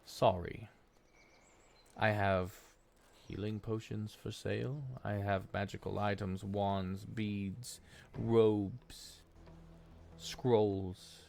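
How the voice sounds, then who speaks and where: A man voicing a creepy, overly polite male shopkeeper with a taste for flesh, speaking slowly and curiously. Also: lowish voice, level tone, vocal fry, darkish tone, full character voice. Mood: sly salesman. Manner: slow, curious, oddly polite. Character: creepy soft-spoken male shopkeeper who eats people.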